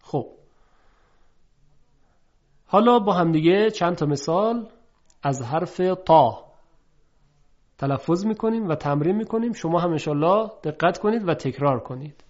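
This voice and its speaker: A man teaching Quranic letter pronunciation. He explains quickly, then says each example word slowly and clearly twice. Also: on the high side, animated, lo-fi sound. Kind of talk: pronunciation lesson with slow drawn-out examples.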